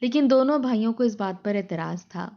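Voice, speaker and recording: Woman reading a sad story, even tone, kinda muffled audio. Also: on the high side. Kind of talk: scripted story narration.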